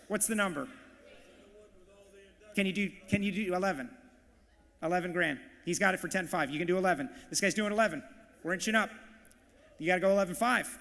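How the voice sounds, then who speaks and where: A man working as auctioneer and emcee at a live charity event, calling bids in a rapid, punchy, hyped way. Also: sits high, a bit bright, big-room sound. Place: large banquet hall, live audience.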